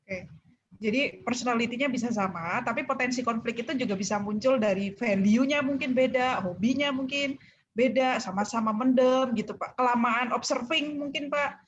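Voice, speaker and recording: A woman moderating a church webinar, reading out questions politely in a relaxed way. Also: on the high side, normal speed, lo-fi sound, slight background noise. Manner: polite, relaxed, adds "Pak".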